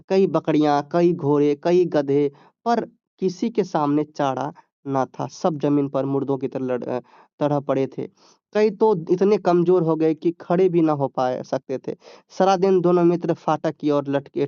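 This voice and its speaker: Male teacher, clear higher voice, explains a textbook story line by line. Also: dark tone, dry recording, dull audio. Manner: reads a passage, then explains it in plain talk with "ठीक है?" checks.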